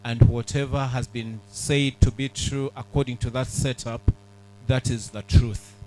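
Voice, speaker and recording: A middle-aged man, giving an earnest, measured public speech at a book launch, with pauses and fillers. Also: mid-range voice, level tone, warm tone, a little hiss or hum, low-quality recording. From Uganda.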